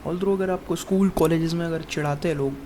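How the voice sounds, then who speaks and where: A warm-toned, slightly high male voice with fairly even intonation belongs to a twenty-one-year-old fitness vlogger. He delivers a brisk but rambling casual monologue, repeatedly calling the viewer "bhai," or "bro," and restarting often. Slight background noise is present.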